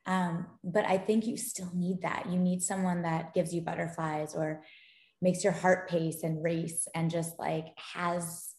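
A woman's voice: lowish voice, a little slow. A woman guest on a podcast talking casually and animatedly about dating and gaming, laughing as she goes. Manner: animated storyteller, gets excited and laughs. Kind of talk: casual interview chat. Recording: echoey room.

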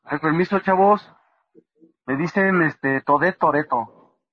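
A man's voice: on the high side, slow pace, breathy edge, muffled recording. A man with a Mexican accent, bantering with friends while gaming and giving mock-solemn speeches. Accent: Mexican Spanish. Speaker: gamer with friends.

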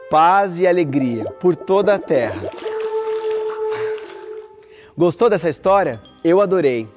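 A woman reading a fairy tale aloud for children, expressive and fond of repeating phrases for effect. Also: low voice. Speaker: children's storyteller. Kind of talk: storytelling for children.

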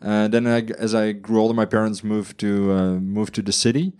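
A man's voice: on the low side, fairly even intonation, normal speed, darkish tone, clean tone. A man from the Netherlands, podcast co-host, talking casually with frequent restarts and laughs. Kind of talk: casual conversation.

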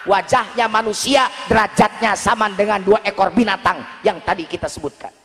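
A man preaching a lively, joking sermon at a live gathering, often shouting. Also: high-pitched, normal speed, soft background music. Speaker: Islamic preacher. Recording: long hall reverb.

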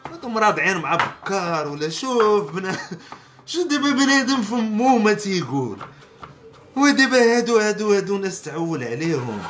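A man with a Moroccan Arabic accent hosting a podcast, ranting in a sarcastic, mocking comedic way. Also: sits high. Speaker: podcast host. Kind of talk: comedic rant commentary.

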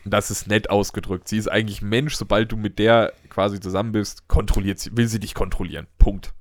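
A man's voice: on the low side, little pitch movement, a little fast, no room sound, studio quality. A man hosting a podcast in casual, rambling chat, full of jokes. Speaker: podcast host.

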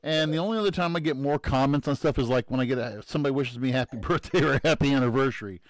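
A man's voice: mid-range voice, fast, dry recording. Casual male co-host, dry close sound. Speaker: podcast co-host. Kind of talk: casual talk show chat.

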